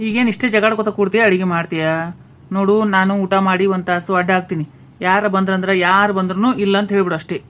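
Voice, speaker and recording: A man's voice: high-pitched, steady tone, fast talker, fairly bright tone. A man voicing a hungry, short-tempered older husband in a comic cartoon, speaking with a North Karnataka Kannada accent and barking impatient orders.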